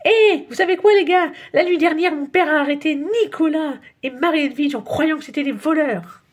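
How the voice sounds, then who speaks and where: A woman voicing a boastful young boy in a storybook reading, loud and excitable. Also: quick pace, breathy edge. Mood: excited. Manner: loud and very high.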